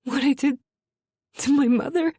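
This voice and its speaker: Weeping young woman, remorseful and pleading , as a male narrator puts her on for a gothic audiobook; high, soft, close. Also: steady tone, unhurried, dry recording. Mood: tearful pleading. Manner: tearful, pleading, apologetic.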